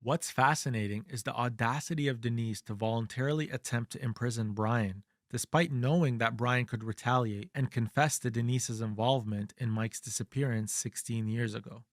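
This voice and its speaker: A man narrates a crime documentary in a measured, analytical tone. His mid-pitched voice is recorded dry and close. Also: no room sound.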